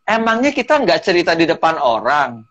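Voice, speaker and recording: Animated Indonesian-speaking man, high voice. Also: moderate pace, highs cut off. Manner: animated storyteller, mixes in English phrases. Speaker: guest speaker, public speaking trainer. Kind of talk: casual talk-show chat.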